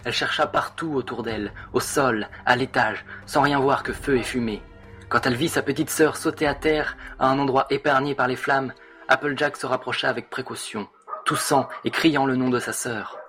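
A man with a bright, forceful voice narrating a dramatic story, leaning into each moment with expressive, theatrical delivery. Soft music runs in the background. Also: medium pitch, normal speed.

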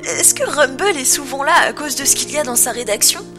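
A woman voicing a small boy pony who whines and squeaks. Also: expressive, a little fast, over music. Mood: curious.

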